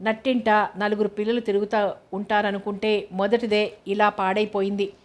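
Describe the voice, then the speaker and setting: Woman narrator voicing an older village mom from a storybook, lamenting, kept pretty flat and even. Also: mid-range voice, moderate pace, close to an everyday voice. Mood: grieving.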